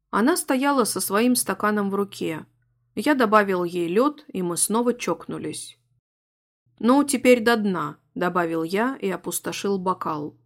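A woman narrating a story aloud, reading a first-person novel in a calm, even storytelling voice. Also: medium pitch.

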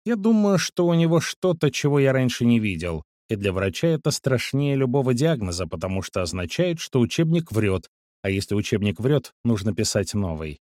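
A man reading a first-person story aloud, in a measured, calm and precise storytelling manner. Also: lowish voice, dry recording, studio quality. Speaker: audiobook narrator. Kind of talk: first-person scripted narration.

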